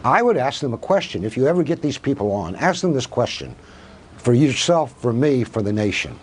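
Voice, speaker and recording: A man's voice: medium pitch, big pitch swings, fairly quick. A man, a professor and guest on a televised news interview, arguing emphatically and asking rhetorical questions. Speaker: professor of Russian studies, guest.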